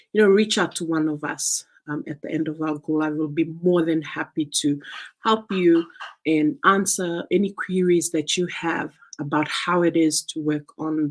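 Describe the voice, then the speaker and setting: A woman's voice: sits low, darkish tone. A woman from Fiji hosting an online live-stream chat, welcoming viewers with frequent ums and uhs. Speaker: host.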